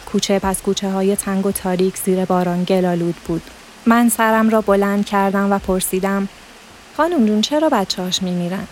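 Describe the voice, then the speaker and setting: A woman reading a literary story aloud as narrator, in a steady, measured manner. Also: medium pitch, slight background noise.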